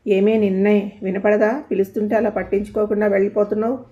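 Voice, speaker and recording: A woman's voice: medium pitch, flat delivery, fast talker, muffled recording, natural voice. A woman voicing a furious, jealous married woman who hurls harsh accusations. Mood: angry, accusing. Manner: harsh, shouting insults.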